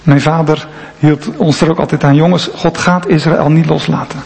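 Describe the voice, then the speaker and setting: Pastor preaching in a reverberant church. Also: male voice, fairly high pitch, fairly even intonation, moderate pace, gravelly, a little mellow. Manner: earnest, reflective, drops to near-whisper at times. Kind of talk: sermon. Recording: long church reverb, faint ambient noise.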